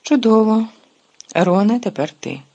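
A reader voicing a calm, kindly male teacher of magic who calls out brisk encouragement to his pupils. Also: medium pitch, highs cut off, voice pushed up, close to an everyday voice. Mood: urging.

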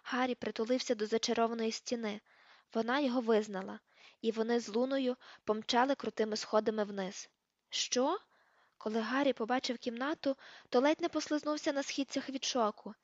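Lady narrating an audiobook, says page numbers out loud, dry lo-fi sound. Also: fairly high pitch, steady tone, fairly quick, no echo. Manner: reads page numbers aloud, shifts voice for characters. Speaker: audiobook reader. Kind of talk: audiobook narration with character voices. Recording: dull lo-fi dry recording.

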